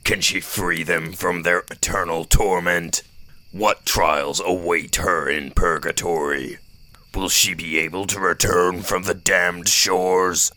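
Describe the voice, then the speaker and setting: Man as grand fantasy bard, rhythmic theatrical delivery, slow, very forceful and bright, scripted tale introduction. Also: low voice, steady tone, exaggerated voice. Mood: solemn, portentous. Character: grand old-time bard narrator telling a heroic tale.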